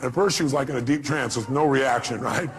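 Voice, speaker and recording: A man giving a motivational seminar talk, animated and acting out the voices he quotes, sometimes shouting. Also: mid-range voice, brisk, a crowd in the background, noisy background. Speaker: motivational speaker.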